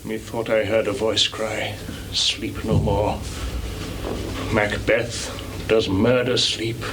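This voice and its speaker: In a live theatre recording with noisy background sound, a male actor at medium pitch sounds anguished as he plays an ambitious murderer tormented by guilt. He delivers the Shakespearean lines in a measured, weighty manner, leaving long pauses.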